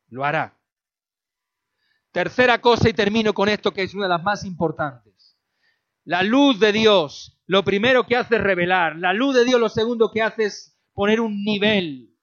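Brief: male preacher with a high voice, repeats his points, folksy jokes, muffled lo-fi sound. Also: a bit bright. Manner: repetitive, calls listeners "beloved", jokey asides. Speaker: pastor. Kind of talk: sermon. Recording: dull lo-fi recording.

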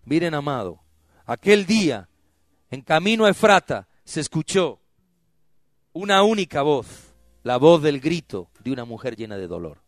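A man preaching a sermon, moving from soft teasing asides to loud cries and asking the congregation to repeat after him. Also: a little high, sing-song, normal speed, no echo, clean studio sound. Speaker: pastor.

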